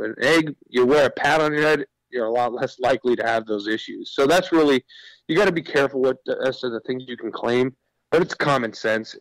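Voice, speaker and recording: A man appears as a guest in a conversational radio interview, pitching and explaining his business in an earnest, informal way. His voice sits in the mid-range, and the recording is rough but has no echo.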